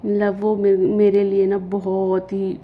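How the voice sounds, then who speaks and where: A woman's voice: medium pitch, completely flat delivery, slow, narrow, tinny audio. A young woman telling her childbirth story in casual, rambling talk with many fillers and restarts, a week after giving birth. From Himachal Pradesh. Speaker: vlogger.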